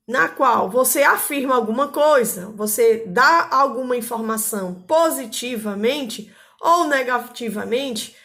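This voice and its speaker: High-voiced woman teaching grammar. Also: fairly bright tone. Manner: explanatory, frequent tag questions. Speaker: Portuguese teacher. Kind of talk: classroom grammar lesson.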